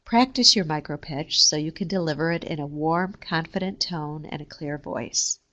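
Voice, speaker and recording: A woman reading a scripted careers lesson in a steady, measured way. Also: deep voice. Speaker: career services presenter. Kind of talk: scripted instructional narration.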